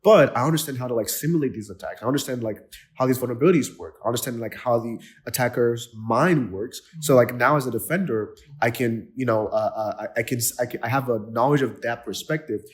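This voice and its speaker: A Nigerian man hosts a casual podcast interview, speaking enthusiastically with plenty of fillers and restarts. His voice is medium-pitched and his pace quick.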